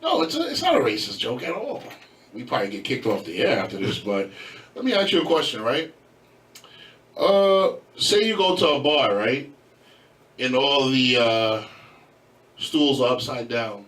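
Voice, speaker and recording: A man's voice: medium pitch, very animated, normal speed, long pauses, a bit bright. Man, radio sports host, brash, joking, echoey room, distant mic. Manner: brash, joking, talks over others. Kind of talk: casual sports debate banter. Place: small radio studio. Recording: roomy echo, mic at a distance.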